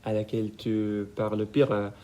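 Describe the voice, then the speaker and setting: A young man from Italy with an Italian accent, hosting a school radio interview in French with frequent pauses and fillers. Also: lowish voice, completely flat delivery, dark tone. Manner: halting, many fillers. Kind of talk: casual interview.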